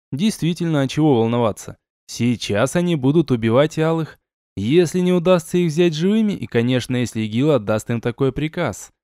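A man narrating a fantasy audiobook in the first person, with a wry, conversational delivery that jumps up in pitch at points. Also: warm tone, dry recording, studio quality.

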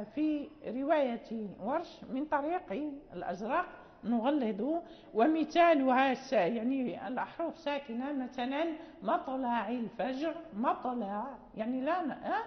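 A high-voiced woman teaches Quran recitation, explaining patiently and stretching out each example word slowly while checking in with her students. The sound is muffled and dull, carried on the long echo of a large hall. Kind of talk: classroom lecture. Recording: muffled reverberant hall recording.

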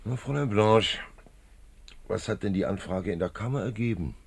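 Wily old police commissioner, low husky voice, swingy intonation, jovial and nosy, fifties german radio play. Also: male voice, animated, normal speed, darkish tone, heavily acted. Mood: affable, probing. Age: older. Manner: jovial, chatty, sly probing with little chuckles. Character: genial, wily older male police commissioner.

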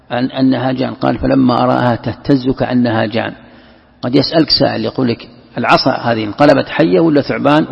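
A man's voice: medium pitch, gravelly, husky. A man giving a scripture commentary lesson. He poses questions, answers them himself and repeats key phrases. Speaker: religious teacher. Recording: echoey hall, dull lo-fi sound.

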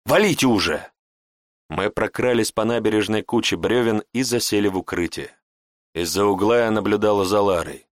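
A man narrating a fantasy audiobook in an even storytelling manner. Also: on the low side, brisk, no echo, clean studio sound. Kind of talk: scripted narration.

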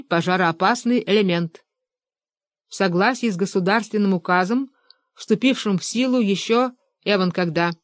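A woman voicing a gruff, bossy older male official who scolds his son-in-law in a storybook reading. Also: high voice, no echo, clean studio sound. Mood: scolding. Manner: blustering, scolding.

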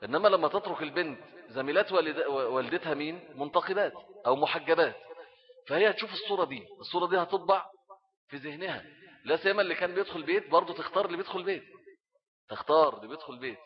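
A fast-talking middle-aged man with an Egyptian Arabic accent preaches on raising children. His voice sits a little high, and he acts out small scenes as he goes. The recording sounds dull and lo-fi. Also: animated. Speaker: Islamic preacher. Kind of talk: religious talk on parenting.

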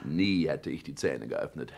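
In a 1960s German radio play, an actor portrays a pompous, self-important husband who declaims and lectures, sprinkling in affected French phrases. His male voice is rumbling and low, a little slow and a little mellow, and the mood is indignant and dramatic.

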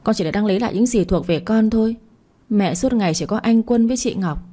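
A woman's voice: medium pitch, fairly quick, mellow, voice pushed up, lightly acted. A woman voicing a scheming grown daughter who pleads and stammers defensively. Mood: pleading.

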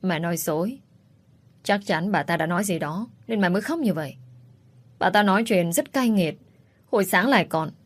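A remorseful young woman from an audiobook romance, voiced by a woman narrator, hesitant and close to tears. The voice sits slightly low. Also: expressive, moderate pace, pauses often. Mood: tearful. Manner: tearful, apologetic, hesitant. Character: guilty young woman of twenty, tearful and contrite.

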